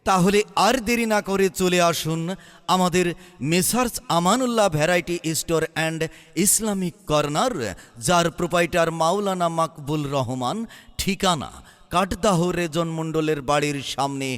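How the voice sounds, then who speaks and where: Guy on a pa loudspeaker hawking a shop, kinda high voice, long echo tail, sing-song lists. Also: smooth. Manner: drawn-out, sing-song announcer listing of goods. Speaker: shop announcer.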